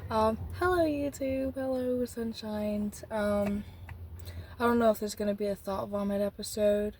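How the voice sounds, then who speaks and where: A nineteen-year-old woman vlogging an unplanned journaling session outdoors beside a busy street, rambling and reflective, with halting restarts. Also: medium pitch, fairly even intonation, darkish tone, a little hiss or hum.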